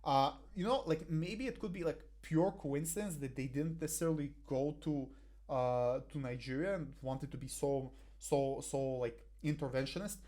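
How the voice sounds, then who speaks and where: Talking through a debate motion with slides, a young debate coach from Bulgaria sounds hesitant, full of fillers and false starts, using a headset in a small room. His voice leans high and a little mellow, at a moderate pace.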